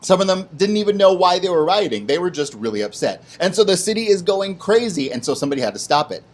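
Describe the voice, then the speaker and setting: Man, kids' show host, lively storyteller, lots of pitch swing, casual slang. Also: fast. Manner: animated, plays voices in his stories, casual slang. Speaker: children's ministry host. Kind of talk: kids' Bible lesson storytelling.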